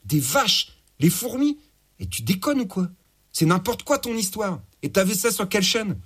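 Defiant captive man, sarcastic, scornful, husky, a man putting him on. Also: high-pitched, expressive, normal speed, a bit bright, pitched above the performer's own voice, heavily acted.

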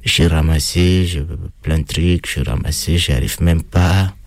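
Man, foreign accent, very low voice, slow halting speech, frequent filler pauses, dry close sound. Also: no echo. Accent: foreign accent in French. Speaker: interviewee recounting time in prison. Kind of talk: casual spoken testimony.

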